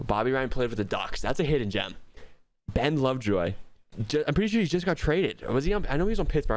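A young man giving casual, slangy reaction commentary to sports clips through a gaming headset. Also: mid-range voice. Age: young adult. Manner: slangy, bro-ish talk. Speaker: reaction video host. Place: indoors at a computer. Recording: game clip noise behind voice.

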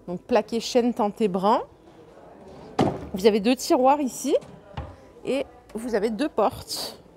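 Woman doing a store walkthrough vlog, slightly high, mellow voice, chatty and excited, faint shop hum behind. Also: slow. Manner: chatty, enthusiastic, lists prices and sizes with fillers. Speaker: shopping vlogger. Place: inside a large furniture store. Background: faint store ambience.

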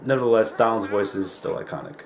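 A man's voice: fairly low pitch, fast talker. A man hosting a let's play, talking casually over gameplay with lots of filler words. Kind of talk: casual game commentary. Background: game music.

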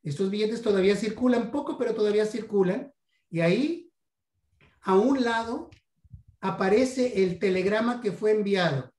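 Mexican man, history lecture, halting delivery with repeated words, roomy reverberant sound. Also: high-pitched, darkish tone. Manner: halting, many repeats and "este" fillers. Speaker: guest numismatics lecturer. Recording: roomy echo.

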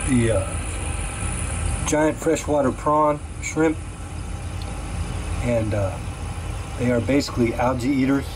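A man's voice: mid-range voice, slow pace, long pauses, noisy background. A man casually vlogging off the cuff, rambling in a folksy way with lots of fillers, filmed indoors at home on a handheld camera. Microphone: handheld camera mic.

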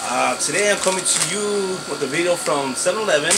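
Higher-pitched man chatting through crunchy chips, noisy room. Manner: chatty, halting, talking while eating crunchy chips. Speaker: food review vlogger. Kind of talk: casual snack review chat to camera. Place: small bedroom, indoors. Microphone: phone at arm's length or propped nearby. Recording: noisy room with steady background hum.

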